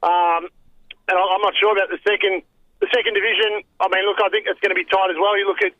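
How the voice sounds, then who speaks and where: Easygoing aussie bloke calling into radio, talks quick, pretty high voice. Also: male voice, flat delivery, no room sound, phone-quality sound. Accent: Australian. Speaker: phone-in guest, restaurant operator. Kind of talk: casual radio chat. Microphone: telephone.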